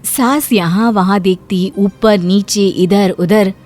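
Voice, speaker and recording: A woman narrating a cartoon story in a lively storytelling manner. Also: mid-range voice, takes it slowly, soft background music.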